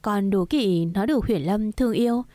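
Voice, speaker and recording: A woman narrator plays a gentle, patient, grieving middle-aged mother in an audio romance, her soft, coaxing delivery pitched at an everyday level. The pace is normal, the voice natural, and the recording dry and up close.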